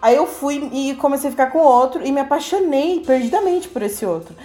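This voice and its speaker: Lively laughing Brazilian-podcast woman. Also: high-pitched, fairly quick, faint music behind. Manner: laughs often, animated retelling of stories. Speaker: podcast co-host. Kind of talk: casual chat.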